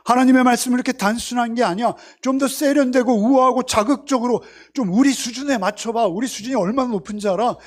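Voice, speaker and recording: A pastor voicing a group of sneering scoffers who mock a prophet in a scornful, whiny tone. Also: male voice, high voice, moderate pace, a little mellow.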